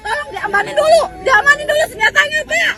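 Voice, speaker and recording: A woman's voice: very high voice, fast, a crowd in the background. A panicked woman in a car, pleading frantically for help and close to tears. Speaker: driver's passenger pleading for help. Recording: loud street noise and music.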